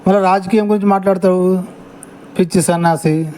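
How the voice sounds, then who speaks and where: A man's voice: high-pitched, fairly even intonation, fairly quick, a little mellow, slight background noise, poor audio. A man giving an angry reaction commentary to clips, scornful and insulting, mocking the person he answers.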